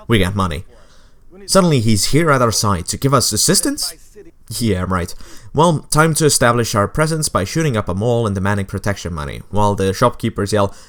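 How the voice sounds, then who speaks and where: A young adult man narrating a video game essay with sarcastic, wry asides. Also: fairly low pitch. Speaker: game commentator.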